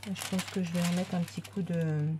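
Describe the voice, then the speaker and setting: A woman's voice: on the low side, steady tone, brisk, noisy background. A woman chatting casually while unboxing a craft kit, with many fillers and restarts. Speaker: craft vlogger.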